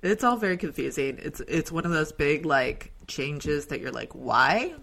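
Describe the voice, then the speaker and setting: A bright, edgy woman's voice with a gravelly fry underneath, chatting through an episode recap on a podcast. She talks in an animated, loose way, laughing often and leaning on "like" and "um". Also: low-pitched, moderate pace. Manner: animated, acts out character lines in exaggerated voices. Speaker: podcast co-host. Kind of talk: casual recap chat.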